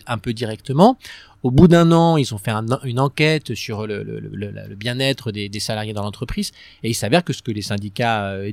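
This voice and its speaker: A man's voice: medium pitch, dry recording. Hesitant French-speaking man, dry close sound. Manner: hesitant, many repeated words and restarts. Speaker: guest, business executive. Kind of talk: conversational interview.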